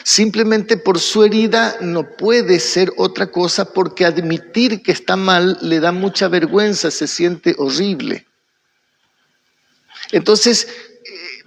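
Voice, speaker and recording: A man with an Argentine Spanish accent leads a church Bible study in a high, gravelly, fairly bright voice. He poses questions and answers them himself, often checking in with listeners by asking "¿sí?", and long reverb makes it sound like a large hall.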